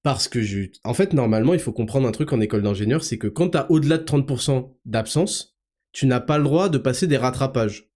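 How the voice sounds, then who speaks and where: Man, podcast host, casual storytelling, animated, colloquial, mid pitch. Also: a little fast. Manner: animated, rambling, colloquial, frequent restarts.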